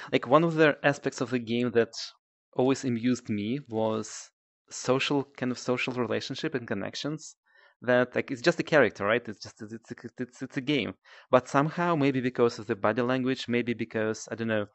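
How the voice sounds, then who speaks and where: Male interviewer, thoughtful, halting, dry close sound. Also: medium pitch, no room sound. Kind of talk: casual interview chat.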